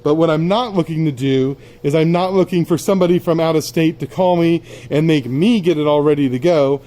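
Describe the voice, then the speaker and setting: A plain-spoken man with a slightly high, mellow voice gives a brisk, off-the-cuff sales tour of the stock. He walks as he talks, indoors in a cluttered warehouse.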